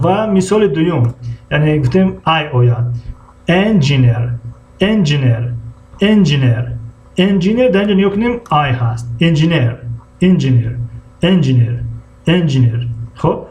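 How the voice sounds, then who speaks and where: A man with a Tajik accent teaching an English lesson, slowly spelling out letters and repeating each word several times for his students. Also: fairly high pitch, warm tone, lo-fi sound. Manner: slow, repeats words over and over for students. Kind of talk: classroom language lesson.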